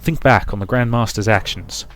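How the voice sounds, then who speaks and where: A man's voice: on the low side, a bit bright, lightly acted. Man playing a grave, formal scheming villain. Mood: suspicious, insistent. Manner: formal, measured. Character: scheming male villain officer, grave, formal, suspicious of his master.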